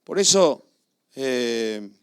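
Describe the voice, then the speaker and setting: A middle-aged male pastor, preaching a sermon and telling personal stories with emotion, swinging between loud and hushed. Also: medium pitch, lively intonation, drawn-out words, clear, resonant tone.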